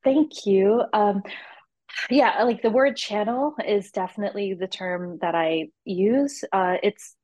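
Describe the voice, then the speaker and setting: A young woman musician in an interview, chatting loosely and animatedly and laughing easily between thoughts. Her voice sits at an ordinary middle pitch, close and dry with no room around it. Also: slow, no room sound. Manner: rambling, animated, laughs often, many fillers. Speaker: interview guest, cellist. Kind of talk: casual interview conversation.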